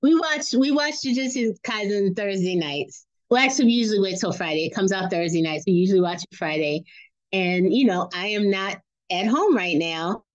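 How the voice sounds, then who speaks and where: A woman in easy conversation with her family, teasing and laughing between stories. She mimics other people in a higher voice. The recording sounds a little muffled and dull. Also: moderate pace. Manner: animated, laughing storyteller who acts out quotes in a raised voice. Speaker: podcast guest, mother. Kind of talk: casual family chat.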